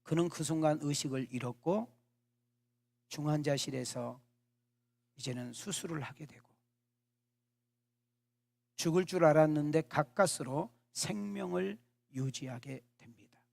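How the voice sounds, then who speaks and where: A man's voice: a little high, a little slow, vocal fry, pauses often, darkish tone. A male pastor telling a story in a sermon, with dramatic storytelling that addresses the congregation directly.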